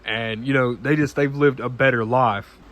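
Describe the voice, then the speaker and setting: A nineteen-year-old man talking casually to camera in an earnest, halting way, full of restarts and fillers, often clearing his throat. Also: medium pitch, fairly even intonation, a bit bright. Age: late teens. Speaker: vlogger.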